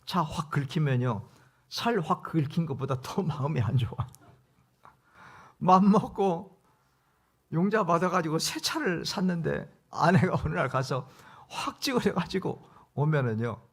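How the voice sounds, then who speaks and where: A man's voice: mid-range voice, gravelly, breathy edge. A middle-aged male guest pastor preaching a revival sermon in a church, emphatic, acting out little scenes of dialogue. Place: church sanctuary.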